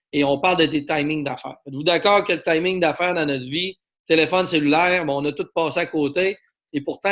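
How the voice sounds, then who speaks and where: A man with a Québécois French accent gives a business presentation to an online audience. His voice sits a little high, and he keeps pulling listeners in with rhetorical questions and drives his pitch with steady salesman energy. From Quebec. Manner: persuasive, asks the audience for agreement, many fillers. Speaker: network marketing presenter.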